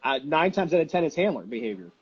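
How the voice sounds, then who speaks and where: Speaking fast in a sing-song, slightly breathy higher voice, a male dog detection trainer explains his work in a casual interview. He teaches informally and emphatically, questioning himself and offering examples, on dull lo-fi audio with faint noise.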